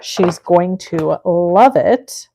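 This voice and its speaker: A woman's voice: fairly low pitch, animated, very slow, creaky, warm tone, a little hiss or hum. A woman in her forties hosting a live crafting stream, chatting casually with viewers and thinking aloud as she works. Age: 40s. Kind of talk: casual chat while crafting.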